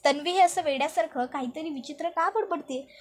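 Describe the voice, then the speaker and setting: A woman voicing a young husband who presses his wife with earnest questions, in a high voice. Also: fairly quick, lightly acted. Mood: alarmed.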